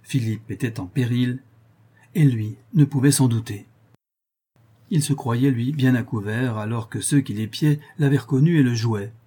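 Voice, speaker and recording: A man reading an adventure story aloud as a narrator, in a steady storytelling manner that lifts at the dramatic turns. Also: mid-range voice, normal speed, slightly rough. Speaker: audiobook narrator. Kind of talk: scripted narration.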